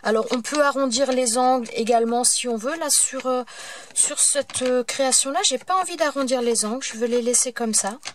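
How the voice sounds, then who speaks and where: A woman's voice: high voice, moderate pace, a little hiss or hum. Chatty woman demonstrating a paper craft. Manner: chatty, hesitant, many fillers and self-corrections. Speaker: crafting tutorial host. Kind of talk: casual step-by-step craft demonstration.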